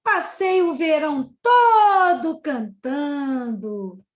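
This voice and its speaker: A woman's voice: extremely high pitch, very animated, slow pace, echoey room, pitched above the performer's own voice, heavily acted. A woman voicing a starving female cicada in a fable, pleading emphatically for food.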